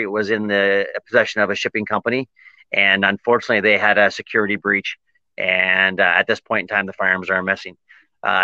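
Canadian businessman, halting answers full of uhs, forceful bright voice, dry dull lo-fi call audio. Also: fairly low pitch, dry recording. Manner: halting, many filler ums and uhs. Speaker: industry association president. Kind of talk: interview answers.

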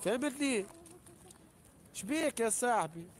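A man's voice: very high-pitched, lively intonation, a little slow, slight background noise. A man with a Tunisian accent, ranting on a live stream and hurling insults, boasting and repeating himself with heavy swearing. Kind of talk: angry live-stream rant.

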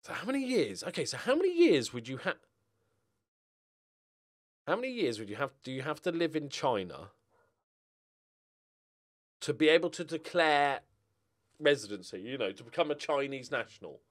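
A middle-aged British man, a gaming streamer playing a football management game, speaks in a slightly high, very animated voice at normal speed with frequent pauses. His commentary is casual, rambling and jokey, thinking aloud as he swings between muttering and exclaiming.

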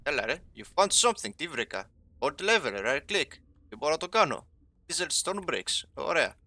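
A young man narrating his own game session in an excitable, chatty way, talking to his viewers as he goes. His voice is a little high and sharply bright. He drops English game terms into his talk. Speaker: gaming YouTuber. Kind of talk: casual let's-play commentary.

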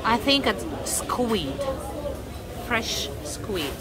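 Very animated and fairly high-pitched, a Russian travel vlogger with a Russian accent makes her way through a fish market, talking to sellers in broken English with many fillers. It's a casual walking vlog, and the packed, busy market crowd fills the background.

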